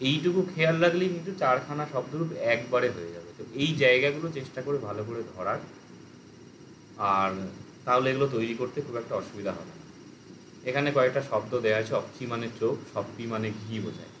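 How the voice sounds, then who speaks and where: A man teaching an online language lesson, explaining grammar and reciting word forms slowly. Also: mid-range voice, background noise.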